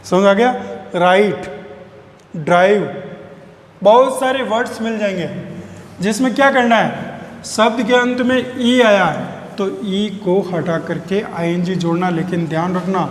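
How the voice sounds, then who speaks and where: A male teacher giving a classroom grammar lesson, repeating key phrases slowly and spelling words out letter by letter. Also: sits high. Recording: echoey room with long reverb, faint noise.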